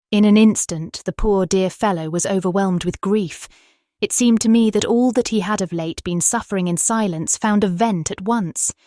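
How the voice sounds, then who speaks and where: A woman with a British accent playing a tender young Victorian wife, reading her diary in an earnest, expressive, formal way for a dramatised audiobook. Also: mid-range voice, no echo, studio quality, close to an everyday voice. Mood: compassionate.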